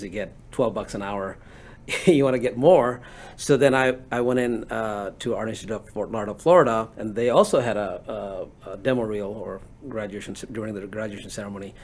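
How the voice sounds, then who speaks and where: A man from Bangladesh in his forties, answering interview questions in a relaxed, rambling way with many fillers. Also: lowish voice, a little fast. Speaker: guest entrepreneur.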